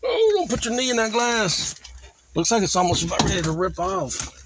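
This man's voice is high-pitched with big swings in pitch, delivered at a moderate pace. He hosts a car crushing vlog in an outdoor junkyard, rambling casually and colloquially in a folksy manner, partly to himself, as he walks around. Faint outdoor noise comes through the handheld camera audio, recorded by an operator behind the phone or camera.

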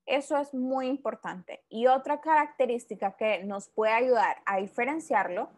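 A woman's voice: a little high, moderate pace. A woman teaching an English grammar lesson, explaining patiently, repeating example words and often checking with the class.

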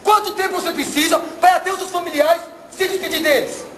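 A man playing a shrill, barking drill commander. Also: steady tone, a little fast. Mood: commanding. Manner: barking orders, teasing. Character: stern mocking military commander drilling a cadet. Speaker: stage actor. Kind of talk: live church stage comedy acting. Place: church theater stage with live audience. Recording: echoey hall, audience noise.

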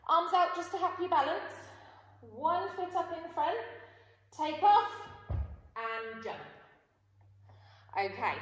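A woman in her thirties instructing young children like an upbeat kids show host, encouraging and sing-song while demonstrating moves. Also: high-pitched. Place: large indoor gymnastics hall. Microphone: far camera. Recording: very echoey hall from a distance, faint noise.

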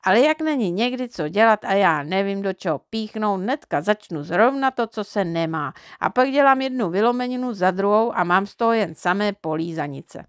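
A woman voicing a cheeky, mischievous little boy who talks slowly, earnestly and folksily in a storybook. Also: medium pitch, expressive, no room sound, clean studio sound, natural voice.

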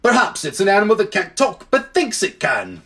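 A man's voice: high-pitched, huge pitch swings, normal speed, fairly bright tone, voice pushed up, heavily acted. An eager donkey confides a theory in a raised, chirpy voice. A man puts it on while reading a storybook aloud. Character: bright, helpful donkey with a theory.

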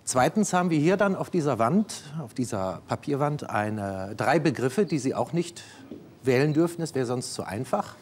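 A man's voice: mid-range voice, lively intonation, moderate pace, darkish tone, a little hiss or hum. A man formally and politely explaining the rules of a studio game. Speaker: game presenter on a show.

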